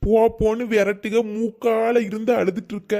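A man's voice: high voice, level tone, normal speed, a little mellow. A man acting an exasperated husband with a Kanyakumari Tamil accent, scolding his wife. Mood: irritated. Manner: irritated, scolding. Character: exasperated husband leaving for work abroad. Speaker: comedy sketch actor.

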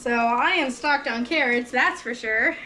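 A woman in her thirties with a fairly high voice, vlogging from her home kitchen. She talks to her viewers in a chatty, upbeat and eager way. A faint background hum sits under her voice. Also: measured pace, bright, forceful tone. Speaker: vlogger, mother. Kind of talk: casual chatty vlog.

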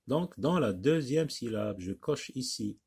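A man's voice: mid-range voice, animated, a little slow, mellow, breathy edge. A man teaching a phonics lesson to young children, patiently repeating and stretching out each word.

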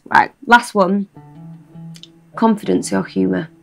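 A woman's voice: medium pitch, fairly even intonation, creaky, faint music behind. An actress playing a witty, bossy young woman on a video date in a game. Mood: teasing. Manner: brisk, bossy, teasing. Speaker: dating-game character. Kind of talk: scripted video-date acting.

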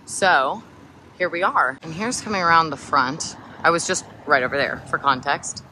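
Low-voiced giggly woman exploring ruins. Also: lively intonation, normal speed, background noise. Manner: chatty and giggly, laughs often. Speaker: urban explorer vlogger. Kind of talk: casual vlog narration. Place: abandoned hospital building. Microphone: handheld camera.

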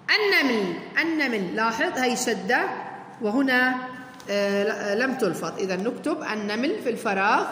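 Woman teacher, high voice, encouraging, explains step by step, roomy echo, faint background noise. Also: fairly bright tone. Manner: encouraging, step-by-step explaining, calls pupils heroes. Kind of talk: recorded worksheet lesson for fourth grade. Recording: echoey room with long reverb, faint noise.

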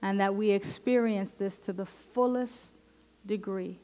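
Slow, even-toned woman leading prayer. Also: mid-range voice. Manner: slow, deliberate, meditative phrasing with long pauses. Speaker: minister leading a meditation. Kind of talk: guided affirmative prayer. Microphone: headset microphone.

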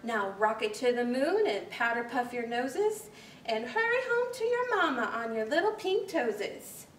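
Storytime in a small library's children's corner: a librarian with a highish voice reads rhyming verse from a picture book, slow, rhythmic, deliberate and animated. A camera several metres away records it, so the sound is roomy and echoey, with faint hiss underneath.

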